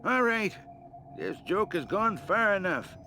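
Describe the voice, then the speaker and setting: A jumpy, grumpy gravedigger from a comic adventure game. His voice is a little high and highly animated, scolding and querulous, full of stubborn disbelief. Faint noise sits behind him. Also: slow, full character voice. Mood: scolding, skeptical. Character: jumpy, grumpy, stubborn gravedigger who loves horror novels.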